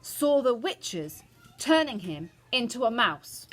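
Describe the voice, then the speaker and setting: A woman voicing an old grandmother in a storybook, patient but firm and affectionate, with measured, emphatic phrasing. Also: a little high, big pitch swings, pitched above the performer's own voice, exaggerated voice. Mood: patient, insistent. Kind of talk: storybook character voice.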